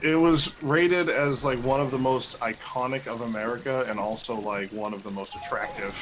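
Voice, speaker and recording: A man with a Boston accent chatting casually while streaming a video game, excitable and joking. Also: mid-range voice, normal speed, background noise. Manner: excitable, jokey, exclaims when in danger. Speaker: streamer playing a randomizer game. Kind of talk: casual gaming chat. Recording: game music behind. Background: game music.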